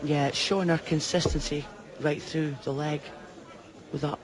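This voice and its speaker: Female sports co-commentator, conversational yet emphatic, speaking over a clearly audible live crowd. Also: low voice, fairly even intonation, moderate pace, poor audio. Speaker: darts co-commentator. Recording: busy crowd behind commentary. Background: darts crowd.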